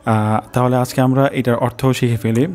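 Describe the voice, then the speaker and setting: A man gives a recitation lesson in a level, even tone that hardly rises or falls. He breaks words into syllables and draws each one out slowly so learners can follow. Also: mid-range voice. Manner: slow, drawn-out demonstration of each syllable. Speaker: teacher of prayer pronunciation.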